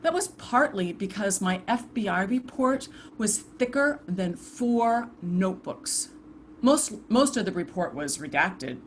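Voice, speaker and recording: The restless, defiant ghost of a slain civil rights volunteer, played by a woman in a stage monologue. She speaks slowly and haltingly, sighing between broken phrases. A faint hiss sits under her voice on a video call mic. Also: mid-range voice, expressive, close to an everyday voice. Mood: wry, bitter. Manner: halting, reflective, with sighs and trailing restarts. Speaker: stage actor performing a monologue. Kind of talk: theatrical monologue. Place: indoors at home, performing over a video call. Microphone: video call computer mic.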